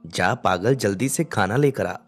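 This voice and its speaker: A man's voice: on the low side, measured pace, faint music behind. A man voicing a cheeky, bossy young bride who teases her husband. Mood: teasing. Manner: bossy, teasing.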